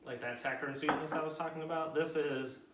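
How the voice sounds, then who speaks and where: A man's voice: fairly high pitch, steady tone, fairly quick, heavy background noise. A man hosting a whisky tasting, explaining flavors in a hesitant way full of ums and likes. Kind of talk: casual tasting chat. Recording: roomy sound from a distant mic.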